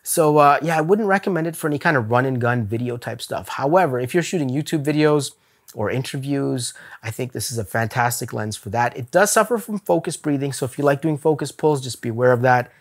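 A man reviewing camera gear straight to camera in a relaxed, talkative way. He gives blunt opinions and breaks into little laughs as he goes, with an ordinary, mid-range voice. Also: medium pitch, fairly quick. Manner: chatty, laughs often, candid opinions. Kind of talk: casual gear review vlog. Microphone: camera-mounted shot on a zoom lens.

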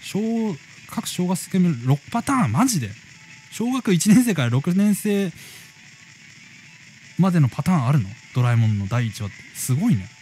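A man's voice: high-pitched, very animated, normal speed, warm tone, faint music behind, low-quality recording. A man streaming a game from a room at home, chatting casually and reacting to viewer comments as he reads them aloud. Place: room at home near neighbors.

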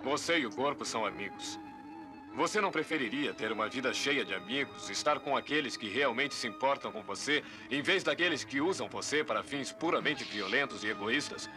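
A man's voice: medium pitch, animated, brisk, music in the background, lightly acted. A man playing a muscular, kind cartoon champion in a dub, earnest and declamatory. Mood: pleading. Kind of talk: dubbed cartoon acting. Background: dramatic cartoon score.

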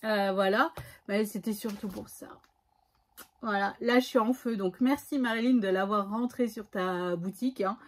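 A woman's voice: medium pitch, normal speed, slight background noise. A woman with a son, chatting casually and hesitantly through a scrapbooking haul with many fillers. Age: adult, has a son. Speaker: scrapbooking vlogger.

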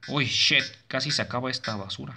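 A young man commenting nervously on a horror game, swearing, yelping and talking himself calm. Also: medium pitch, brisk, creaky, noisy background. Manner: nervous, jumpy, swears and yelps. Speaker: gaming streamer.

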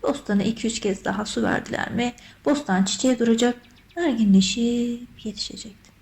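A woman narrating a children's story in an expressive, measured storytelling voice. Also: on the high side, creaky, rough recording.

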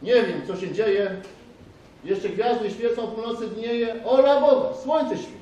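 A man playing a startled young shepherd in a school nativity play, declaiming rhymed verse with excitement. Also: sits high, measured pace, dull audio. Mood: awestruck. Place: school stage, indoors. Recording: echoey hall, distant mic, faint noise.

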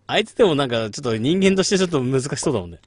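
Man, late-night gaming chat, lively swooping voice, rambling, muttered reactions. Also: medium pitch, very fast, background noise. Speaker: game streamer.

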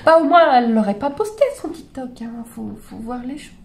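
Sitting in a small bedroom with a gaming chair, a forties-aged horse channel host talks directly into her desk webcam while reacting to videos. Her fairly high, slightly hoarse voice is expressive, a little fast and a little mellow. The casual commentary comes out exasperated and incredulous, peppered with fillers and false starts.

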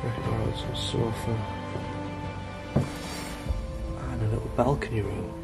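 An English urban explorer vlogger in his thirties wanders an abandoned house, talking casually and exclaiming in awe. His medium-pitched voice is slow and creaky, heard over loud music through a handheld camera mic.

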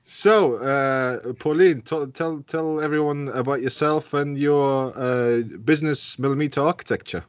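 A man's voice: medium pitch, a little slow, few pauses, clean tone. A man hosting a casual interview podcast, friendly and upbeat, often repeating words. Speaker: podcast host.

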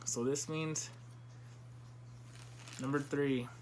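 A young man hosts a casual challenge vlog with his mouth full, so his words come out muffled. He speaks slowly and haltingly at a middling pitch. The home recording carries faint noise. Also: steady tone. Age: young adult. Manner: slow, halting card-by-card delivery. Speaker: video host opening trading cards. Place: indoor room at home, seated. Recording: noisy room, crinkling card packs.

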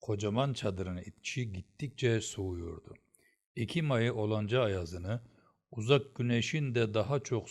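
A man reading a historical novel aloud as narrator, in a measured storytelling way. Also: on the low side, a little mellow. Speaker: audiobook narrator.

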